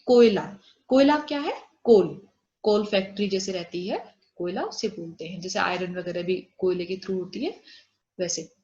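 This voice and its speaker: A woman teaching a Hindi lesson, saying example words slowly and giving their English meanings. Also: lowish voice, mellow. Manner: explains Hindi words with English glosses, slow drawn-out examples. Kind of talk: online class lesson. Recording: echoey room, dull lo-fi audio.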